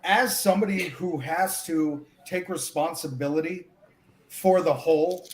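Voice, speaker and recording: A man's voice: fairly high pitch, a little slow. A man in a casual sports debate, argumentative and often stumbling over his words. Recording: echoey room, faint background hum.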